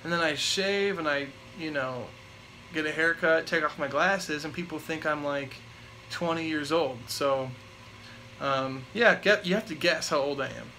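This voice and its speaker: The recording is poor, with a faint hiss or hum, and the man's voice runs somewhat high at a measured pace. He is a twenty-something vlogger responding to live chat, relaxed and rambling, with plenty of fillers.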